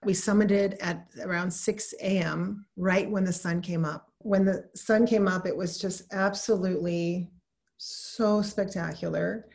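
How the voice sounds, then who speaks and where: A woman's voice: fairly low pitch, fairly even intonation, measured pace, vocal fry, darkish tone. A woman guest in a casual chat, telling her story in an earnest, emphatic way.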